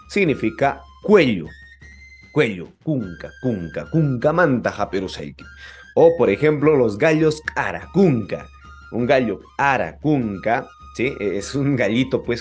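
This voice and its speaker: A man teaching a pronunciation lesson, repeating each example word slowly and clearly. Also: mid-range voice, a little mellow. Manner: slow, drawn-out repetition of example words. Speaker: language teacher.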